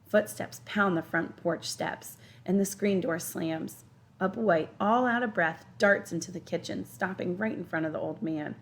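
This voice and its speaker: A woman teacher reading a children's novel aloud in a steady, expressive first-person storytelling voice. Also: on the low side, a little slow. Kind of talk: children's audiobook narration.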